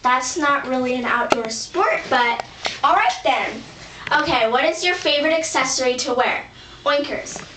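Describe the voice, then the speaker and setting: A woman voicing a bossy dog who hosts a game show with brisk, impatient emcee patter, in a roomy, distant home recording. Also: high-pitched, animated, background noise. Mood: hosting.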